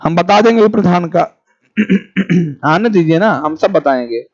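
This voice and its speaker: A man teaching an online exam class, speaking slowly and repeating key phrases for students to write down, and pausing to answer viewers' comments. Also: high-pitched, lively intonation. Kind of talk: live-streamed exam class. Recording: dull lo-fi sound.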